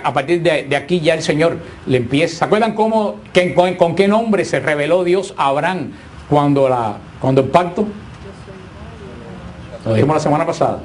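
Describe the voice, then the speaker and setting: A man teaching a Bible class who explains points slowly, often asks his listeners questions and repeats himself. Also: fairly high pitch.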